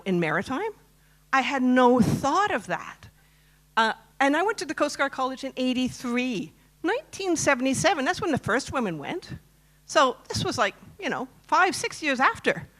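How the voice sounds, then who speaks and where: A Canadian woman in her fifties speaks from a conference stage, her voice fairly high and fairly bright. She tells a personal story to a live audience in a chatty way, often putting questions to the crowd.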